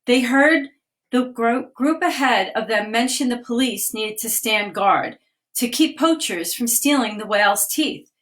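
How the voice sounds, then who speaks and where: Through a phone or webcam on a live stream, a children's author reads a picture book in a slightly raised, somewhat high voice. She goes unhurriedly, giving each line gentle, clear treatment and now and then stopping to explain what the illustrations show.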